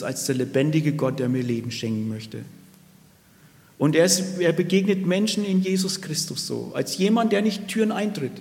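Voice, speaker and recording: Male preacher, earnest and repetitive, high voice, long hall reverb. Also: creaky, a little mellow. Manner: earnest, repeats phrases for emphasis. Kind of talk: sermon.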